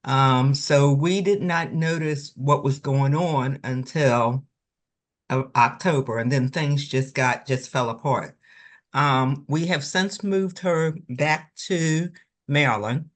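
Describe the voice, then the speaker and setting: Slow, overwhelmed-sounding woman caregiver. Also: very deep voice. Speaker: family caregiver attendee. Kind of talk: audience question. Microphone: video call.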